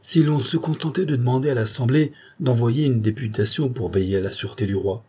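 A man's voice: medium pitch, fairly quick, warm tone, slightly rough, natural voice. A man reading aloud, voicing a humble, devoted servant who speaks deferentially and earnestly.

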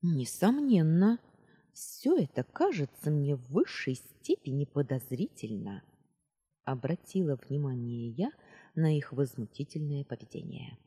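Woman narrator, first-person audiobook, husky and animated, slow delivery. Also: very deep voice, long reverb tail. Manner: expressive, ironic storytelling.

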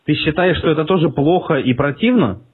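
Prank caller, male, husky, on a thin phone line, mocking and provocative. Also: on the high side, brisk.

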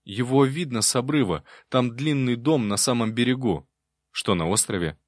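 A man's voice: mid-range voice, normal speed, dry recording, studio quality, pitched above the performer's own voice, lightly acted. A man voicing a frightened, stubborn young novice monk who talks in a desperate, pleading way. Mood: anxious.

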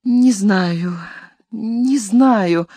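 A woman's voice: mid-range voice, drawn-out words, dry recording, studio quality, voice pushed up. A woman voicing a frightened young woman who whispers and then bursts out in anger. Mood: whispering. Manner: soft and whispering, then indignant.

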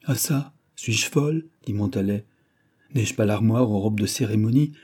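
A man voicing a lively, mocking young lady-in-waiting in an audiobook reading of a classic novel. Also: fairly low pitch, normal speed, husky. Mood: playful. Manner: mocking, playful.

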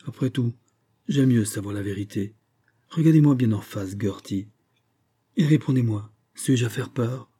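A man's voice: mid-range voice, normal speed, mellow, breathy edge, natural voice. A man voicing a proud, restless young society woman who speaks with impatient, imperious vehemence in an audiobook reading. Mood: anxious vanity.

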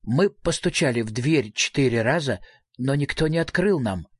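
An expressive storybook audiobook narrator. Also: medium pitch, normal speed, breathy edge, no room sound, studio quality. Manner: lively, expressive reading.

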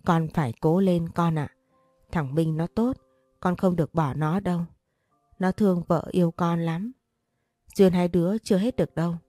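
A woman's voice: fairly low pitch, normal speed, warm tone, no echo, clean studio sound, faint music behind, lightly acted. A woman voicing the spirit of a dead older father, tender and pleading with his family in an audio story. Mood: grieving.

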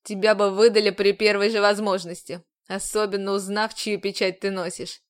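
A woman's voice: mid-range voice, level tone, moderate pace, pitched below the performer's own voice, natural voice. Woman voicing a stern, scornful male commander. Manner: harsh, commanding, scolding.

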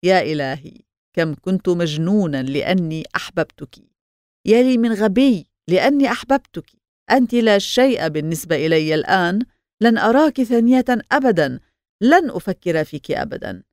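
A woman's voice: fairly low pitch, expressive, a little fast, a little mellow, dry recording, clean studio sound, natural voice. A woman voicing a proud, moody young man in an audiobook, reading his cold, emotional lines. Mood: bitter.

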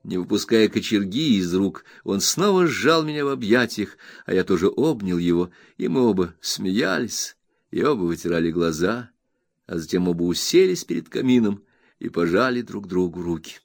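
A man narrating a literary audiobook in an expressive storytelling manner. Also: sits low, normal speed, no room sound, studio quality.

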